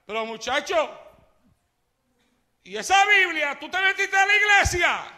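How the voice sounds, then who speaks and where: A man's voice: extremely high pitch, expressive, a little slow, pushed and bright, pitched above the performer's own voice, exaggerated voice. A preacher putting on a scoffing, jeering man. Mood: mocking. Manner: jeering, incredulous questions. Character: scoffing man mocking a new churchgoer.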